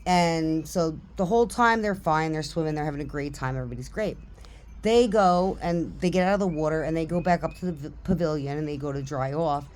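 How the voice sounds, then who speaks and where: A middle-aged woman from New Jersey telling a story casually, animated, laughing often and swearing freely. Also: low-pitched, brisk.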